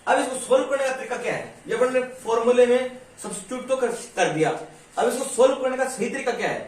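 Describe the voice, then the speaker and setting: A man's voice: extremely high pitch, fast. A middle-aged man teaching a maths lesson in with a tinge, patient and always checking that students follow, slipping into rural dialect endings. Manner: patient, checks understanding constantly with "ठीक है?". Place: classroom. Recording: echoey room, mic far off, faint hiss.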